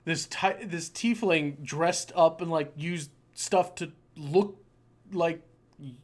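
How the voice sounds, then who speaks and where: A man running a tabletop game as game master, excitable and prone to swearing and stumbling over his words. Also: a little high, slow.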